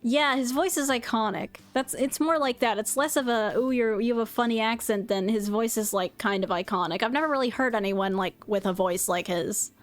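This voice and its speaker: Chatty higher-voiced woman streamer. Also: normal speed, few pauses. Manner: chatty, rambling, lots of "like" and restarts. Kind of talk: casual chat recounting a convention.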